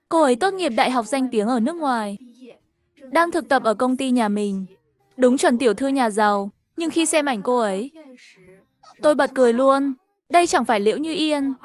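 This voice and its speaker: A woman narrating a first-person story over animation, voicing every character herself in an even storytelling manner. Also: sits high.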